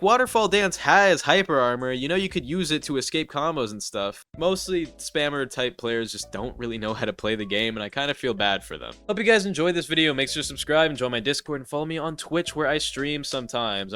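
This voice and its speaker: Allergies leave this man's voice congested and nasal as he performs a sarcastic, scripted voice-over roast as a gaming YouTuber. He speaks in a mid-range voice with a sharp tone.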